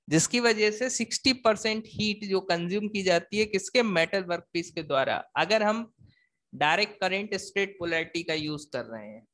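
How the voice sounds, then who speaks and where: An engineering teacher with a high, fairly bright voice delivers an explanatory technical lecture. He poses questions and answers them himself, repeats his points, and mixes in English technical terms.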